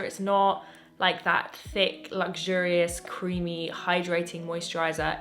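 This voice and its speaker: Her voice slightly going and a little strained, a young English woman gushes through casual makeup reviews at home, chatty and prone to interrupting herself as a beauty vlogger. She speaks with a fairly low, somewhat bright voice.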